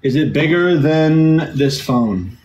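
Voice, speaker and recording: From his bedroom, a young man livestreams a casual chat game into a phone camera, teasing, playful and swearing freely. His slightly high voice is animated yet slow and a little mellow, with lo-fi sound and slight hiss or hum.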